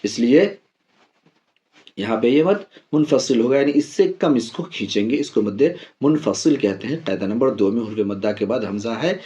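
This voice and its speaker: A man teaching Quran reading as a step-by-step lesson, patiently spelling out letters slowly and repeating each drill. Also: mid-range voice, expressive, warm tone.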